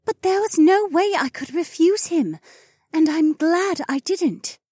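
A man's voice: extremely high pitch, unhurried, a little mellow, dry recording, clean studio sound, voice pushed up. A man voicing an intense mystic augur woman. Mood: hushed, foreboding. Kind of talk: audiobook character voice.

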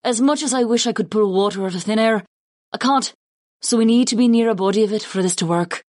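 Higher-pitched man doing a young mage woman, cocky and quippy, dry close sound. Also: quick pace, no room sound, natural voice. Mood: breezy. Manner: breezy, confident and quippy. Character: lively young female water mage. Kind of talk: audiobook character voice.

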